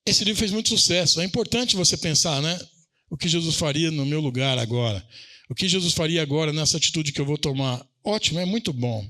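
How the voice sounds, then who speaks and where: A man's voice: on the high side, a little fast, pushed and bright. A man, a pastor, preaching a sermon in a church, asking rhetorical questions and building to emphatic passages.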